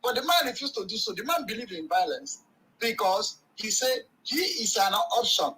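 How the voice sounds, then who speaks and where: A man's voice: sits high, big pitch swings, moderate pace, bright, forceful tone, a little hiss or hum, poor audio. A man calling in to a talk show, heard over a phone on speaker, arguing his point emphatically and preachily. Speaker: caller. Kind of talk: call-in talk show opinion.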